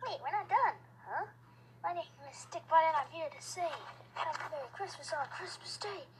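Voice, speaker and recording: A woman doing squeaky cheerful stick robots. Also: moderate pace, slight background noise. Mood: cheery. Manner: excitable, goofy shouts and exclamations. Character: cheerful little stick-figure robots, playful. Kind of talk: stop-motion toy video voice acting. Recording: clip with loud background music.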